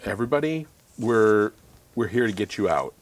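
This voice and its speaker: A man's voice: lowish voice, expressive, normal speed. A man playing a tabletop game, who stammers and often laughs. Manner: giggly, stammering. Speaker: player. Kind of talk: tabletop role-play chat.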